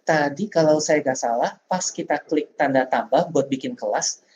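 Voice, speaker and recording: A man's voice: fairly high pitch, moderate pace, a little mellow. A man co-hosting a teacher training webinar, playfully putting questions to the trainer. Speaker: co-host.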